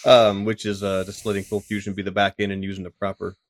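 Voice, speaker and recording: A man co-hosting a tech podcast talks in a lowish, flat voice at a fast clip. He rambles casually, is self-deprecating, and fills his speech with fillers and restarts. A little hiss or hum sits under the recording.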